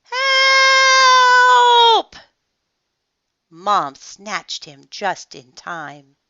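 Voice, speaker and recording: A woman reading a bedtime picture book aloud, taking her time over every line with a very unhurried pace. Her bright voice swings up and down with plenty of expression. The recording is dry and slightly muffled. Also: fairly low pitch, big pitch swings, no echo. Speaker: storyteller. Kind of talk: bedtime story read-aloud.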